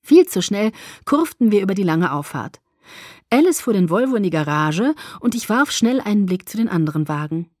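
A woman narrating a novel in the first person with expressive storytelling. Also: medium pitch, moderate pace, no room sound, clean studio sound. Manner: expressive storytelling, lively intonation. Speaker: audiobook narrator.

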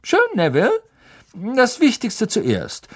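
A man reading aloud and voicing a good-humored, kindly middle-aged male professor who coaxes a nervous pupil in a cheerful, drawn-out way. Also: high-pitched, huge pitch swings, breathy edge, voice pushed up, full character voice. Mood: cheerful coaxing. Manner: cheerful, coaxing, drawn-out questions.

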